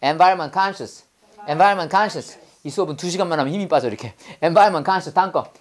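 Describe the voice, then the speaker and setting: A woman's voice: on the low side, animated, normal speed. A woman teaching English vocabulary in class, drilling students with call-and-repeat prompts and playful memory tricks.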